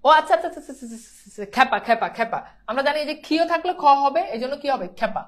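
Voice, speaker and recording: A woman's voice: sits high, animated, racing. A woman teaching a pronunciation lesson, repeating herself and coaxing students to say whether they understand. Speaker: Bangla teacher.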